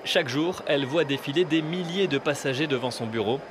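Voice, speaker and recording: A man's voice: on the high side, brisk, noisy background. A man reading scripted narration for a television news magazine report as its reporter. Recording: voice-over with music and outdoor sounds. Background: music, airport ambience, vehicles.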